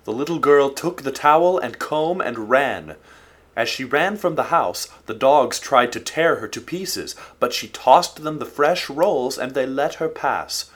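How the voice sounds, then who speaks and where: A man narrating a folk tale in a steady, expressive storytelling manner. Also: medium pitch, a little slow.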